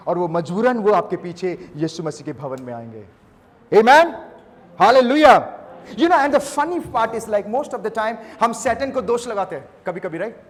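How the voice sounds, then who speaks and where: A male pastor, preaching an animated sermon that mixes Hindi and English and acts out little scenes. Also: high voice. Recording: reverberant hall.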